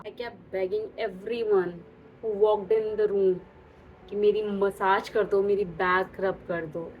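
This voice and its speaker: A woman's voice: medium pitch, muffled recording, slight background noise. A young woman vlogger telling a personal story in an emotional way, mixing Hindi and English.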